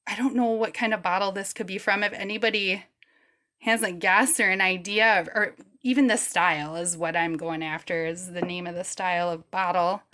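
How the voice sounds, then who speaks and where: A woman's voice: lowish voice, fairly even intonation, normal speed, bright, forceful tone. A woman vlogger chatting casually as she shows her beach finds, rambling and laid-back, and shrugging off her own mistakes. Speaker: rockhounding vlogger. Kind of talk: casual show-and-tell chat.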